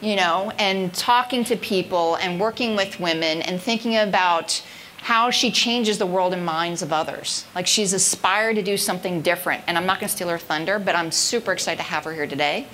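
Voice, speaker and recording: A woman's voice: fairly low pitch, normal speed, fairly bright tone, a little hiss or hum. A woman moderating a panel at a live event, upbeat and effusive, chatting with fillers before an audience.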